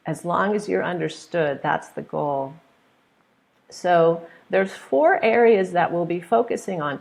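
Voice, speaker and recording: A middle-aged Californian woman with a standard American accent and a voice on the low side teaches a pronunciation webinar, giving students clear, simple, encouraging explanations. She speaks from a small plain indoor room, using an earphone headset on a webcam video call.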